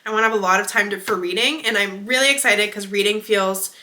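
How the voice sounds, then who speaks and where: A young woman chatting casually to her viewers about books, excitable and gushing, her voice a little worn from being sick. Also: medium pitch, fast talker. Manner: gushing, excitable, lots of "like" and "literally". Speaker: book vlogger.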